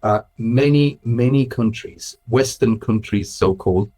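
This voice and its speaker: A man's voice: medium pitch, measured pace, warm tone. Thoughtful Swiss-raised man in conversation. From Switzerland. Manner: thoughtful, with frequent restarts and laughs. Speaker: guest, Islamic school director. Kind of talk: casual conversational interview.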